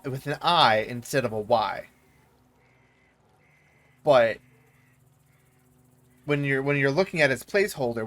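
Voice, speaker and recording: A gaming streamer who isn't a native English speaker rambles through casual let's play commentary, mumbling asides and using lots of fillers. His voice is medium-pitched and fairly bright, with no room sound.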